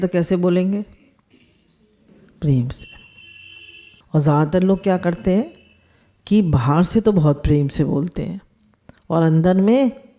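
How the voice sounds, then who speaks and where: A spiritual teacher with a medium-pitched, dark voice delivers a discourse. The teacher illustrates points with everyday household examples and puts rhetorical questions to the listeners.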